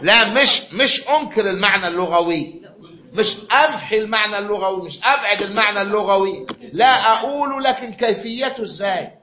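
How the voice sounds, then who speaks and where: A man's voice: sits high, fairly quick. A man with an Egyptian accent giving a classroom lecture, often repeating himself and quizzing his students. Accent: Egyptian Arabic. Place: lecture room. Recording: dull lo-fi recording.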